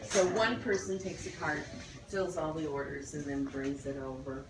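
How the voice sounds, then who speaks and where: Speaking in a deep, steady voice at a moderate pace, a woman leads an informal walk through a large indoor warehouse and explains things as she goes. A distant mic picks her up in a noisy, echoey space full of loud warehouse ambience.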